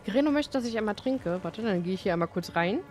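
A woman streams a video game with casual, chatty commentary. Her voice sits at a middle pitch and she is playful, with faint music behind her. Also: expressive, fast talker, darkish tone.

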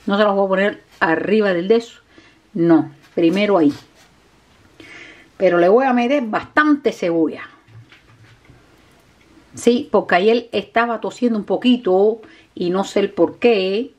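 A woman with a Cuban Spanish accent, chatting warmly to her viewers while cooking in her home kitchen, calling them "mi gente". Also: medium pitch. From Cuba. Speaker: cooking vlogger. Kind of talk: casual cooking vlog talk to viewers. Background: dishes, pots and pans clattering.

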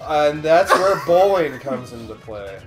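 A man's voice: fairly high pitch, sing-song, takes it slowly. A young man co-hosting a let's play, laid-back and crude, joking and laughing while he plays. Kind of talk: casual gameplay chat. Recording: game music loud under voices. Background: game music.

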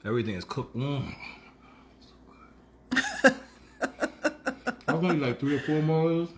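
Filmed on a phone propped on the counter, a man in his fifties hosts a laid-back live cooking broadcast from his home kitchen. His mid-range voice moves at a normal pace, animated and joking, with appreciative hums over the food. The kitchen is echoey, and there's slight background noise.

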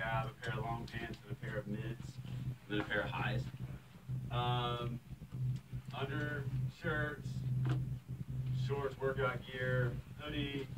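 A young man in his twenties giving a casual, rambling tour of a stadium locker room, with fillers and small laughs. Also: medium pitch. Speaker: baseball player giving a tour. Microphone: far camera. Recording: echoey room, far from the mic, loud background noise.

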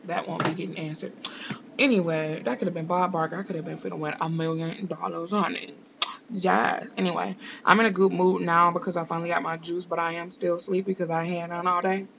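A woman's voice: lowish voice, flat delivery, fairly quick, creaky, a bit bright, low-quality recording. A young woman vlogging from home, chatting casually to camera with rambling, sarcastic asides. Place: home indoors.

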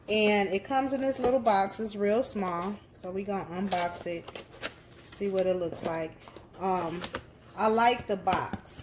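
Chatty upbeat woman, slow-paced. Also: mid-range voice, darkish tone, a little hiss or hum. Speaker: crafting channel host. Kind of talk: casual unboxing vlog.

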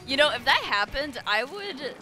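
A woman streaming a video game, chatting casually with viewers in a rambling, excitable way and shouting at the game now and then. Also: high voice, moderate pace. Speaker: gaming streamer. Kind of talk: casual gaming chat with viewers. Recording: game music behind her voice.

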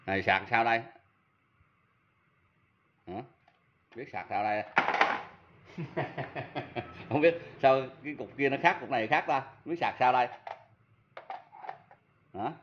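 A man's voice: mid-range voice, expressive, slow pace, pauses often, highs cut off, slight background noise. A man with a southern Vietnamese accent, a seller of used power tools, giving a casual product demo and talking straight to his viewers in a chatty, self-mocking way.

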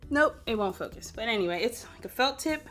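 A woman's voice: a little high, lively intonation, brisk, fairly bright tone, soft background music. A young woman chatting casually at home as she reviews and tries a beauty product, with self-deprecating fillers. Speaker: beauty vlogger.

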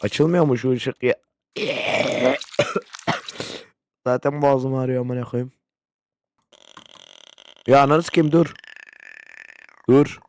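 Slow and pausing often, this young Turkish man speaks in a mid-range voice as he plays a horror game for YouTube. His reactions are loud, jumpy and full of swearing, set against a generator hum from the game.

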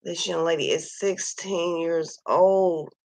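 In a casual screen-share from her home near Kansas City, a vlogger slowly works through a missing persons list, musing aloud with soft sighs into her computer mic. Her steady voice is low, gravelly and a little husky, and she's clearly losing it. The recording is rough, dry and close-up, with no room in it.

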